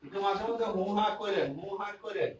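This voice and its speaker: Guy teaching grammar online, kinda high voice, far from the mic, keeps repeating stuff and asking if you got it. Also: brisk, slight background noise. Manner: repeats key terms and checks understanding often. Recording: roomy and distant with faint ambience.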